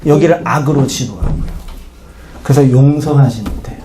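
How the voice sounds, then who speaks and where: A man's voice: mid-range voice, normal speed, mellow, slight background noise. A male pastor preaching in a conversational way, often questioning the congregation and acting out short quoted lines. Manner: acts out short quoted lines in changing voices. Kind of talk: sermon.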